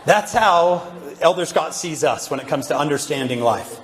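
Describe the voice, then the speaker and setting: A man giving a lively devotional talk to young people and peppering them with rhetorical questions. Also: fairly high pitch, moderate pace, some chatter behind. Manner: animated, asks the audience many rhetorical questions. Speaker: religious speaker addressing youth. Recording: roomy hall with long reverb.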